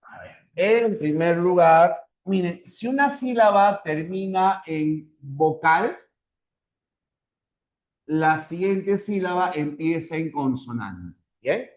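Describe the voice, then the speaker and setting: Male teacher, methodical and patient, a bit high-pitched, roomy echo. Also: expressive, slow pace. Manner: repeats points with tag questions, patient and methodical. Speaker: language teacher. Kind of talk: online class lecture.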